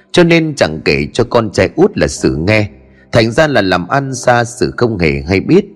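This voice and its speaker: Male storyteller, dramatic ghost-story narration, animated pitch, slightly husky.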